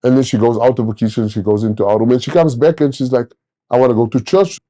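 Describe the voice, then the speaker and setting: A man in his thirties giving a personal testimony in an interview, animated and acting out the people he quotes. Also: mid-range voice, quick pace. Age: 30s. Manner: animated storyteller, acts out quoted voices. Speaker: church member sharing testimony.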